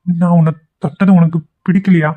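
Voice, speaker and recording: A performer voicing a gentle, anxious young husband in a cartoon, asking questions and reassuring his wife. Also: mid-range voice, steady tone, a little fast, natural voice. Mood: worried. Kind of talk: cartoon voice acting. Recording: tinny phone-like sound.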